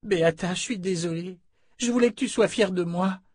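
Man voicing a cowardly young thief, pitched up high, pleading. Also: moderate pace, a little mellow, dry recording, studio quality. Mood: apologetic. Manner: pleading, panicky, near tears. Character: frightened young male thief, whiny.

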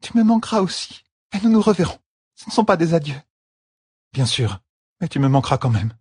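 A man reading an audiobook, voicing a young pregnant noblewoman who speaks softly and tenderly. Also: on the high side, very animated, fairly quick, husky, no room sound, studio quality, pitched above the performer's own voice. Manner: soft, pleading.

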